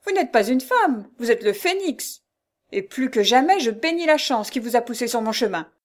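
A woman's voice: on the high side, animated, normal speed, voice pushed up, lightly acted. A woman voicing a mocking, menacing nobleman abductor. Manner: mocking, threatening. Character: brutal arrogant nobleman abducting a young wife.

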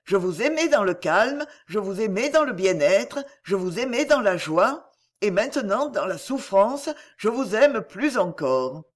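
A man's voice: sits high, sing-song, unhurried, heavily acted. A man reading aloud, voicing a devout young blind girl in fervent prayer to God.

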